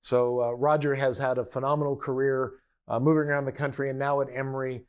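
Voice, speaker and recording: A man's voice: medium pitch, flat delivery, fast talker, smooth. Friendly male podcast host asking questions. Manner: friendly, asks questions with many fillers and repeats. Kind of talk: conversational interview.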